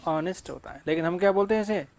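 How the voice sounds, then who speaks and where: A man's voice: sits high, quick pace, darkish tone. A male English teacher giving a classroom grammar lecture, asking rhetorical questions and answering them himself, with casual joking asides.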